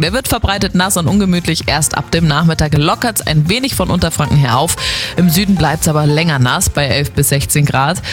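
A woman presenting the weather and the afternoon show on the radio, chatting directly to listeners. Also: lowish voice. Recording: radio broadcast with faint music.

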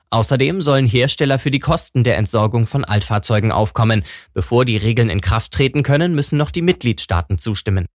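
A man reading the radio news in a steady, formal way. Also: mid-range voice, dry recording, clean studio sound. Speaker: newsreader.

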